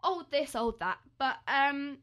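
Young woman cohost, bright tense voice, a bit high, chatty and giggly. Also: expressive, slow. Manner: chatty, giggly, lots of ums. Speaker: podcast co-host. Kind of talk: casual news chat.

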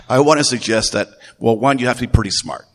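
In a church hall with long reverb, a man pastor delivers a conversational sermon at a brisk pace. His voice is mid-range and fairly bright, and he often repeats phrases and poses questions to the listeners.

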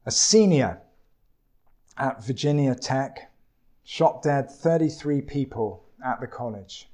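A man preaching a sermon in a slow, deliberate way, with dramatic pauses. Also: medium pitch, dark tone.

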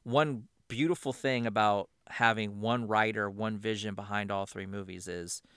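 Brief: male podcast co-host, bright and clear voice, animated, swears a lot, casual chat. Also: lowish voice, normal speed, dry recording, clean studio sound. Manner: animated, swears freely, laughs often.

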